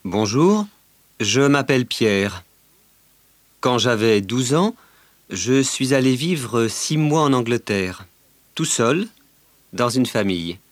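A man playing a friendly bilingual French teenage schoolboy in a scripted language-course recording, speaking slowly and carefully. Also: medium pitch, lively intonation, dry recording. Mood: matter-of-fact. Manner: slow, carefully articulated delivery.

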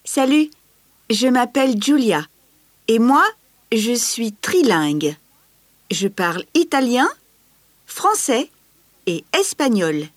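A woman playing a lively trilingual teenage girl who dreams of acting, speaking slowly and clearly for a language course. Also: fairly high pitch, dry recording, clean studio sound, exaggerated voice. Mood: chatty. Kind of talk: scripted language-course recording.

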